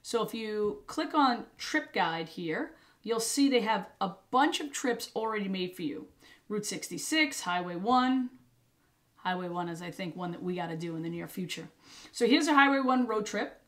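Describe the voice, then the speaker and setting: A woman's voice: medium pitch, animated, normal speed, a bit bright. A woman in her thirties, an RV travel vlogger, explaining a trip-planning tool step by step in a chatty way. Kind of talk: screen-share tutorial walkthrough.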